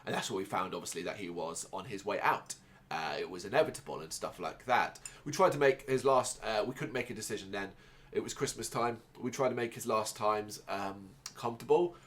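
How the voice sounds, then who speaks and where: A man's voice: fairly low pitch, a bit bright. Rambling man in a personal monologue. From Ireland. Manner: rambling, halting, with many restarts and fillers. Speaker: podcast host.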